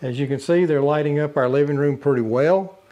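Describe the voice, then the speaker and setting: A mellow, fairly quick voice on the high side comes from an older man demonstrating a camping lantern. As a product reviewer in his brick-walled living room indoors, he keeps things casual and plain, often saying uh and restarting.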